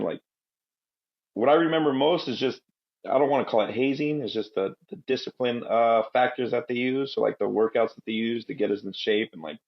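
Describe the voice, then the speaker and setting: Heard in lo-fi audio, a lowish-voiced man tells stories on a podcast with an easygoing, wandering style. He's in his thirties, a Marine veteran who came from Guatemala and was raised in Southern California, chatting in a casual interview.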